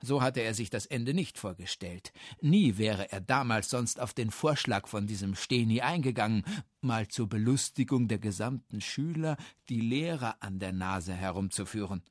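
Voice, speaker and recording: A man narrating a children's storybook in a lively, expressive way. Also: fairly low pitch, normal speed, no echo, studio quality. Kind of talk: storybook reading.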